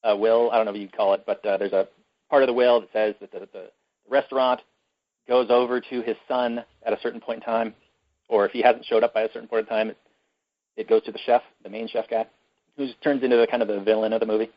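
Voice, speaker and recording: A man's voice: fairly low pitch, flat delivery, quick pace, no room sound, dull audio. A man co-hosting a podcast, retelling a film plot in casual chat with many fillers and restarts. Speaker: podcast co-host.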